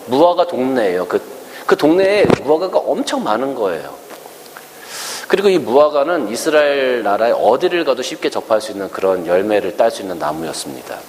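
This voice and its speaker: A male pastor giving a conversational sermon, asking his congregation rhetorical questions and acting out quotes in a raised voice. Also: medium pitch. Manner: acts out quoted speech in a raised voice. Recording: long hall reverb with faint hiss.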